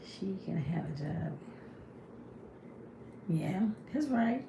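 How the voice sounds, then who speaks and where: A woman's voice: on the low side, lively intonation, extremely slow, gravelly. A woman, hosting a casual livestream. She reads viewers' comments and answers them directly, and she often says "you know what I'm saying.". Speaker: livestream host. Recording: echoey room, faint background hiss.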